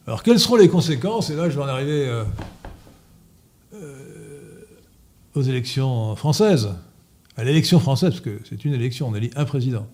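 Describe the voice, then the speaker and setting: A man giving a political lecture to an audience, halting with frequent filler sounds and restarts, and repeating his points emphatically. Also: mid-range voice, animated, darkish tone. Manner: emphatic, insistent repetition. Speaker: lecturer at an association meeting.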